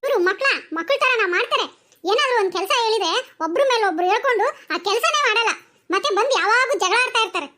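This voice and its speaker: Brief: hot-headed cartoon mom played by a woman, high, fast, defensive. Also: animated, exaggerated voice. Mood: scolding. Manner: sharp, defensive scolding. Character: hot-tempered scolding cartoon mother.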